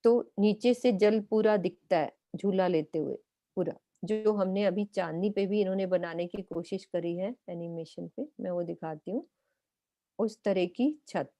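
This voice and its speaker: A woman's voice: medium pitch, a little slow, mellow, dry recording. A woman teaching a lesson, patiently explaining step by step while pointing out details on a map. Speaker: spiritual teacher.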